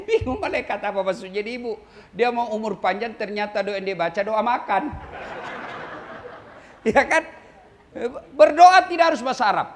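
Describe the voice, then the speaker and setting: A male preacher with a high, very animated voice delivers a lively sermon. He jokes with his listeners and slips into playful imitations of regional speech, his pitch swinging widely. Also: normal speed, pauses often, a little hiss or hum. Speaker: Islamic preacher. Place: large religious gathering.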